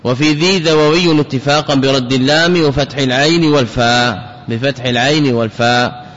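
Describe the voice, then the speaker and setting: A man's voice: mid-range voice, brisk, a bit bright. A man teaching classical Arabic grammar as a scholar, repeating key words and putting questions to his students. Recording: dull lo-fi recording with long hall reverb.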